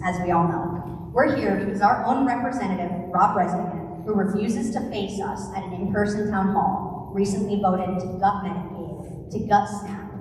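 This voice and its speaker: Woman host, rallying town hall welcome, echoey room, distant mic. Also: medium pitch. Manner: rallying, thankful. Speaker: event host. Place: large college event room. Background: room noise.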